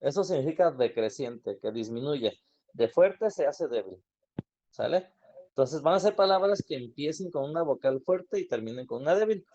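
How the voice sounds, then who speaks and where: A man's voice: on the high side, expressive, moderate pace, warm tone. A man teaching an online grammar class, explaining patiently and asking students questions. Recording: dull lo-fi online class audio.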